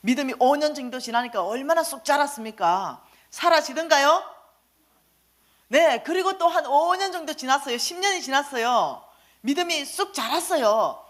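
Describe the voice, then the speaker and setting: A woman's voice: high voice, normal speed. A woman giving a spoken testimony at a church service, acting out dialogue and putting questions to the congregation. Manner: animated, acts out quoted dialogue, questions the audience. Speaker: staff minister giving testimony. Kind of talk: sermon testimony.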